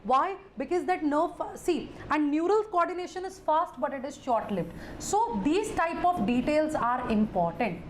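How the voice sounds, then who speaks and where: High-pitched North Indian woman teaching. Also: animated, moderate pace. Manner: repeats phrases, addresses students directly, mixes in Hindi interjections. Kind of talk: live lecture to students. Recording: echoey room, faint background noise.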